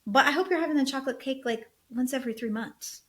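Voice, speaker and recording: Brief: middle-aged woman, podcast host and health coach, animated, chatty storyteller, slightly high voice. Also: fast. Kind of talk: casual solo podcast talk.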